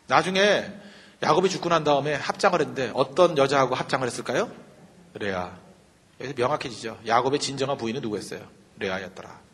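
A male pastor lectures at a quick clip, his husky voice leaping up and down as he jokes and throws out rhetorical questions. Everything carries a long hall reverb. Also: mid-range voice. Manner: animated, joking, rhetorical questions. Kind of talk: humorous sermon lecture.

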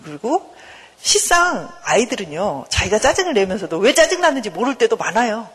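A woman professor giving a lecture, lively and acting out inner dialogue. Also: on the high side, brisk, slightly rough, long reverb tail.

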